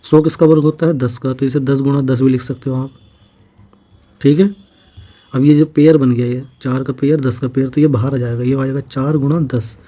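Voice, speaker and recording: In a mid-range, dark-toned voice, a male math teacher with a Hindi-speaking North Indian accent walks students through exam problems one step at a time. He keeps a steady tone and moderate pace, pausing patiently to check in during this exam-prep lesson.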